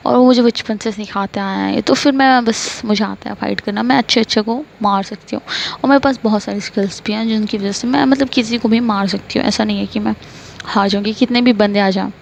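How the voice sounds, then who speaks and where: A woman's voice: medium pitch, steady tone, fairly quick, vocal fry, a little hiss or hum, lightly acted. A woman voicing a stern, protective young woman who scolds and orders her friend to rest, in a storybook reading. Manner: scolding, bossy.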